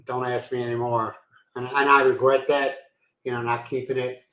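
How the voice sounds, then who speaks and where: Broadcasting from his home in the Philippines, a man originally from Pennsylvania, USA, chats casually on a live stream and reads out viewer comments, rambling, laughing easily and making fun of himself. His mid-range, fairly bright voice keeps a level tone at a moderate pace, in an echoey room with poor audio.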